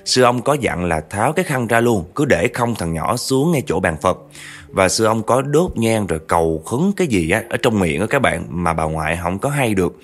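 A man's voice: fairly low pitch, sing-song, moderate pace. A man telling a family story in a chatty way, often speaking straight to the listeners. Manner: chatty, addresses listeners directly. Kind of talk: narrating a true spooky family story.

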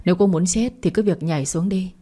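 A woman's voice: fairly low pitch, fast, warm tone, close to an everyday voice. A woman voicing a cold, jealous young woman who talks in curt, sneering lines.

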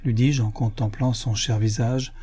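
A man narrating a classic novel audiobook in a measured, expressive reading. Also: mid-range voice, husky.

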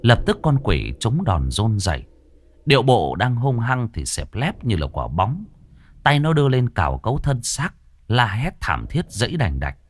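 A man narrating a ghost story with dramatic, expressive delivery. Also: medium pitch, moderate pace.

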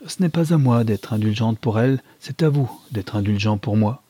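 A proud, honest young woman, voiced by a man reading answers in quiet, restrained tones. The voice stays low and dark, and the recording is dry. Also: lively intonation, normal speed, breathy edge, dry recording.

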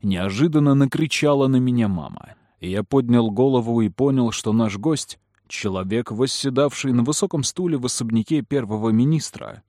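A man narrating a story in the first person in a calm, even manner. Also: mid-range voice, normal speed, hardly any pauses, no room sound, clean studio sound. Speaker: audiobook narrator.

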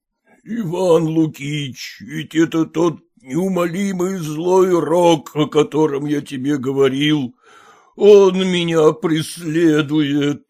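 Storybook: a man doing a broken, tearful old gentleman, slow and faint. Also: a little high, lively intonation, vocal fry, husky, heavily acted. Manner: moaning, pleading, weak. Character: distraught older nobleman, weeping and faint.

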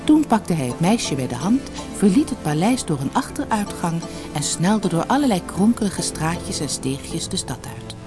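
A woman reading a fairy tale aloud as a storyteller, with an expressive, gently varied delivery. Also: on the low side, moderate pace. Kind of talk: storybook narration for children. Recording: audiobook with soft music behind. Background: faint music.

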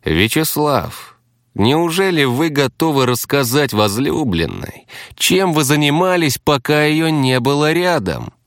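A man voicing an oily, insinuating male villain with a smooth, sneering manner in an audiobook. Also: on the high side, sing-song, measured pace, dry recording, clean studio sound, pitched above the performer's own voice.

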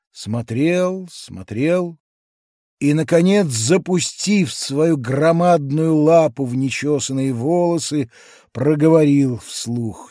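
A man reading a novel as an audiobook narrator, in a measured, deliberate style, recorded in a studio. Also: fairly high pitch, dark tone, dry recording. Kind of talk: scripted narration.

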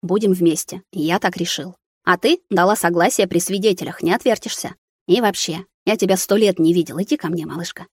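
A woman's voice: on the low side, a little fast, a little mellow, husky, no room sound, studio quality. A woman reading as an ardent young man. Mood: tender, insistent. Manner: earnest, persuasive. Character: young male student, ardent and decisive.

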